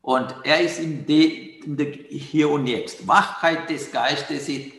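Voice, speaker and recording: Slow-speaking man teaching in an echoey hall. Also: a little high, a bit bright. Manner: patient, repeats key phrases to explain. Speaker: meditation teacher. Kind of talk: dharma talk on mindfulness. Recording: roomy hall with long reverb.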